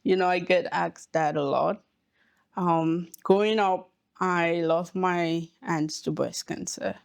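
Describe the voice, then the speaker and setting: A woman from Cameroon, a hematologist oncologist, giving slow, measured explanations with pauses in a podcast interview. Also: lowish voice, steady tone, creaky, dry recording.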